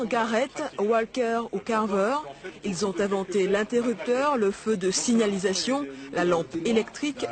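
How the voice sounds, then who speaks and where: High-voiced male report narrator. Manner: steady reading. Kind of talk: scripted narration.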